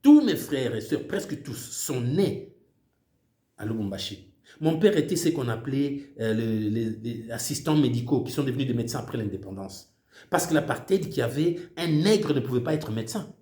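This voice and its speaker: An older Congolese man with a mid-range, mellow voice delivers a passionate political monologue at a normal pace, sounding animated in a roomy space. Swahili is his first language and he speaks French with a Congolese accent. He stresses points emphatically and repeats words as he searches for the next ones.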